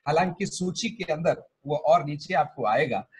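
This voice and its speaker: Male pastor, high husky voice, teaching sermon with stories. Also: expressive, a little slow. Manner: mixes English terms into teaching, tells stories. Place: church.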